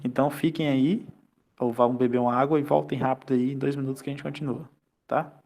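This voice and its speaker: A Brazilian man teaching a chemistry class online, explaining step by step with rhetorical questions and quick checks for understanding. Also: mid-range voice, steady tone, vocal fry, darkish tone. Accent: Brazilian Portuguese. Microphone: computer mic on a video call.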